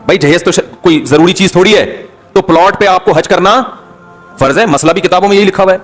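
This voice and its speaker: A male cleric preaching with an emphatic, impassioned, scolding delivery. His voice sits fairly high for a man. Faint music plays behind him. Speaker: Islamic cleric. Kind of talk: religious talk to an audience.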